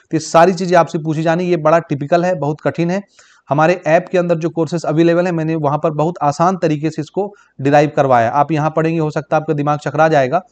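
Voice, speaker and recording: A physics teacher with a Chhattisgarh Hindi accent runs through exam questions in a brisk, familiar way. He speaks in a fairly high voice and often calls his students brother or child. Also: darkish tone. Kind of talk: exam-prep lesson.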